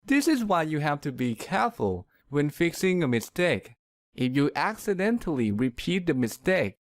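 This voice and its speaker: A man giving a scripted pronunciation lesson, explaining clearly and demonstrating words with exaggerated stress. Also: on the high side, dry recording. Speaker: pronunciation teacher. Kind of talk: scripted instructional narration.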